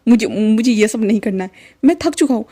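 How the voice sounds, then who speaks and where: A woman's voice: on the high side, fairly quick, warm tone, natural voice. A woman voicing a shy young man who keeps stammering and pleading, read within a fan story. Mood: flustered pleading.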